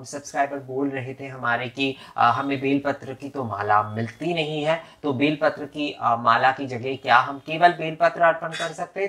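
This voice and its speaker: Guy walking you through a puja, explains then chants the mantras slow, lots of little fillers. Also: mid-range voice, pushed and bright. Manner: many fillers and restarts, addresses viewers directly. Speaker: puja instructor. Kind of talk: step-by-step ritual instruction.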